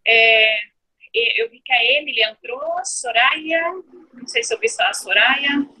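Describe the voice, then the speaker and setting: Brazilian lady teacher on a call, husky bright voice, lots of ums while she explains. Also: fairly high pitch, a little slow, rough recording. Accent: Brazilian Portuguese. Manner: hesitant, filler-heavy explaining. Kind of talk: online class announcement.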